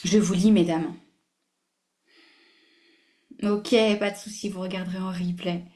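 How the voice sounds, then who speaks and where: A woman hosting a live online masterclass, animated and emphatic, repeating phrases, mixing in English words and laughing often. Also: on the low side, unhurried. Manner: mixes English words into her speech. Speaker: masterclass host. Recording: roomy echo.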